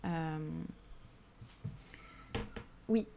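A woman's voice: low voice, very slow, noisy background. Thoughtful woman with a southern French accent. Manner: thoughtful, hesitant, many fillers and restarts. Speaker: literary livestream host. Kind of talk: live book discussion reading chat questions.

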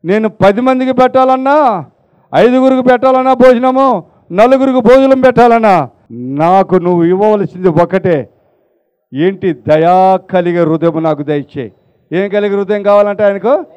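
A man preaching a sermon, firing rhetorical questions and swinging between loud emphasis and hushed asides, urging the congregation to applaud. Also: sits high, normal speed, pauses often, clear, resonant tone, lo-fi sound.

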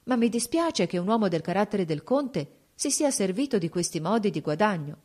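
A woman's voice: mid-range voice, big pitch swings, moderate pace, a little mellow, pitched above the performer's own voice. A woman reading an audiobook, voicing an anxious, tearful young princess with a pleading, shaken manner. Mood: dismayed.

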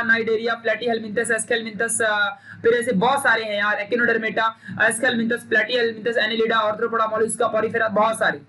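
A man's voice: extremely high pitch, pushed and bright. A young man teaching a recorded science lesson, emphatic and stern, drilling points and scolding students into memorizing. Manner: stern, scolding pep talk.

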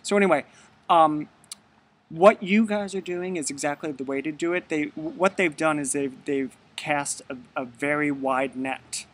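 A man's voice: fairly high pitch, normal speed, fairly bright tone. A man, a real estate agent chatting in an easygoing way and explaining things plainly. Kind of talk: casual chat.

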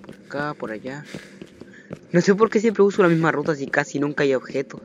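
A man giving let's play commentary on a horror game, jumpy and panicky, repeating phrases rapidly when chased. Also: a little high, expressive, dull audio. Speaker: gaming channel host. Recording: noisy home recording.

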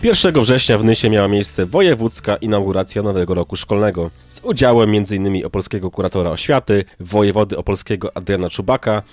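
Low-voiced male news narrator.

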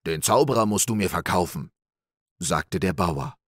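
Male reader playing a gullible boastful farmer for a storybook audiobook, deep gruff voice, dry sound. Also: animated, normal speed, no room sound. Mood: gullible eager. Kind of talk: audiobook fairy-tale reading.

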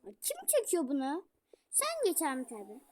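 A young woman trades banter with a friend over a game, bossing and teasing her in a high, bouncy voice. Her pitch swings wide from line to line as she gets worked up. She sounds excitable and quick to fire back. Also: slight background noise. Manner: bossy, teasing, excitable, slangy. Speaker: gamer. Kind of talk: casual gaming banter.

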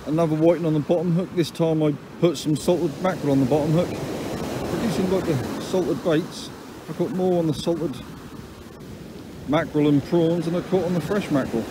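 Talking briskly in a slightly high voice, an English angler narrates his fishing trip to a phone camera he holds himself. He is chatty and down-to-earth with dry grumbles, standing on an open beach by the sea, where waves, surf, and wind come through the recording.

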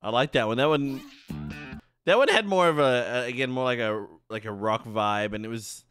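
Talking into a headset in a dimly lit streaming room full of colored lights, a young man reacts casually to what he sees, with plenty of exclamations and laughter. He has a clean, medium-pitched voice at normal speed, and loud anime music runs under it.

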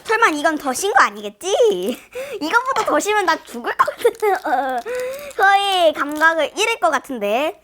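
A woman with a high-pitched voice hosts a casual food challenge. Her intonation swings widely as she talks to viewers. She whines and exclaims in exaggerated sour-face reactions. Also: sing-song, moderate pace, few pauses, sharp tone, slight background noise. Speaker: host of a candy tasting challenge. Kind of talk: casual mukbang chat to viewers.

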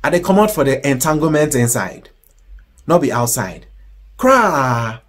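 A man in his thirties with a Ghanaian accent presenting mock-serious, deadpan comic news commentary in Pidgin. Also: mid-range voice, moderate pace.

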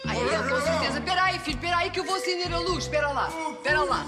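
A woman's voice: extremely high pitch, racing, loud music behind the voice. An actress playing a fussy, motherly middle-aged wife who speaks in a flustered, fussing way. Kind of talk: sitcom acting.

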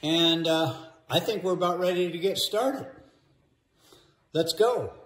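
A man's voice: high voice, a little slow, a bit bright. A man in his sixties hosting a playful, rambling how-to demonstration in a home hallway, recorded on wireless earbuds. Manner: joking, playful, rambling with fillers. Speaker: host. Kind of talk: comic how-to demo. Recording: echoey hallway with faint noise.

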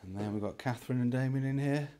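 For his property vlog, a British forty-something man explains things casually to camera in an empty house, using a phone held at arm's length. His warm, mid-range voice moves at a quick pace, with a little hiss or hum in the recording.

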